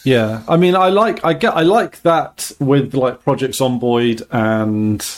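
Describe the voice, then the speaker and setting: A man co-hosting a casual podcast chat, rambling and halting, often restarting his sentences. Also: mid-range voice. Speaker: podcast co-host.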